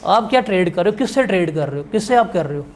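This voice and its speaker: A man's voice: high-pitched, lively intonation, fast, darkish tone. A male teacher giving a classroom lecture in a blunt, scolding, emphatic way.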